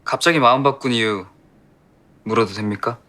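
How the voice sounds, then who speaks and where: A man's voice: mid-range voice, moderate pace, bright, forceful tone, natural voice. An actor playing a composed young male publishing boss in a TV drama, clipped, polite and matter-of-fact. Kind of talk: Korean TV drama acting.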